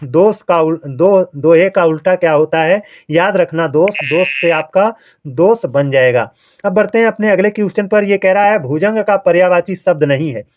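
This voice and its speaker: A man with a notably high voice teaches an exam-prep grammar lesson, taking each answer step by step and checking in with the listener. The recording is dull and lo-fi. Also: normal speed.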